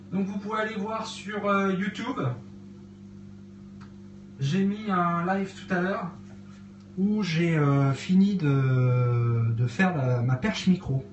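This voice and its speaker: A man's voice: fairly high pitch, lo-fi sound, slight background noise. A man hosting a casual cooking live stream in his cluttered kitchen at home, hesitating often with fillers as he chats with viewers. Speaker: livestream host cooking. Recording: echoey home room.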